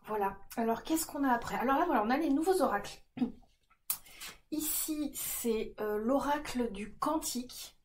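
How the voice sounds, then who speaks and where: A woman giving a casual card-reading guidance, gentle and reassuring, with many fillers and restarts. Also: high voice, expressive, normal speed, a little hiss or hum. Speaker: tarot card reader.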